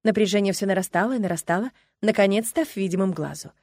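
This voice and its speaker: A woman narrating a first-person story for an audiobook in an even, measured way. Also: medium pitch, no room sound, clean studio sound.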